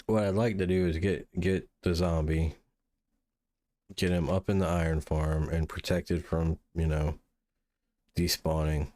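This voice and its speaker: A man hosting a gaming channel, musing through relaxed gameplay commentary and sounding sleepy. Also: low voice, a little slow, pauses often, dry recording. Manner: mellow, musing, thinks aloud with restarts. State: sleepy, yawning.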